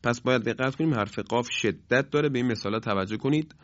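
Man teaching pronunciation, slow demonstrations. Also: mid-range voice, no echo. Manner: polite and formal, repeats sounds slowly to demonstrate. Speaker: Quran recitation teacher. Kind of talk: formal pronunciation lesson. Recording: slightly dull lo-fi sound.

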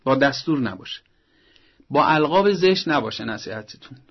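A man speaks as a family advice expert on a broadcast talk program, earnest and teacherly, and he acts out parents and teens in short scenes. His voice is husky and sits at a middle pitch. The audio is dull and lo-fi. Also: lively intonation.

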